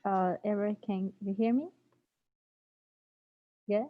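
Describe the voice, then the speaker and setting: A young woman hosts a student interview, speaking politely and carefully with frequent fillers. Her pitch sits in the middle range. The sound is thin and phone-like, as over a call. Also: slow. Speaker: student host. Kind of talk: hosting an interview.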